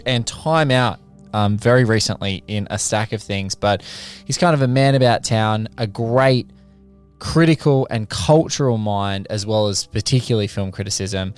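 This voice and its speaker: A man with a fairly low voice hosts in a casual, enthusiastic style. He is effusive and colloquial, and tends to ramble from one phrase into the next. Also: clean tone. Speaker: podcast host.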